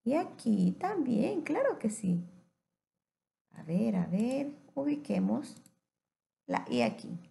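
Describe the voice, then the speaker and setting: A woman teacher giving a patient phonics lesson to young children, stretching words out slowly. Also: on the high side, sing-song, vocal fry, mellow.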